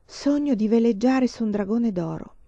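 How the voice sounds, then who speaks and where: Playful young woman in a storybook reading, breathy and bright, loud and lively, as a woman reader does her. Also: fairly high pitch, moderate pace, no echo, voice pushed up. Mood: dreamy. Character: young woman, dreamy and playful, slightly tipsy. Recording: dull lo-fi, dry.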